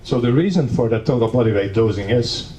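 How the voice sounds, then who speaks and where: At an academic conference, a Dutch man gives a lecture in a conference hall, explaining steadily with a touch of dry humor. His medium-pitched voice has lively intonation and moves fairly quickly. The recording is echoey, made on a distant mic with faint noise.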